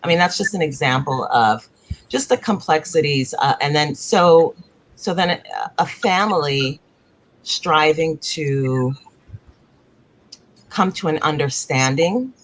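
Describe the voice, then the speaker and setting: On a poor-quality video-call recording, a woman playwright, born in Africa and raised in the United States, speaks on a panel in a low voice. She talks slowly with long pauses, thoughtful and searching, often circling back to rephrase what she just said.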